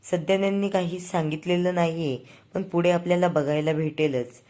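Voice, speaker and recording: A woman's voice: on the low side, steady tone, normal speed, dark tone. A woman narrating a TV serial's plot in a chatty, storytelling manner, as a casual recap.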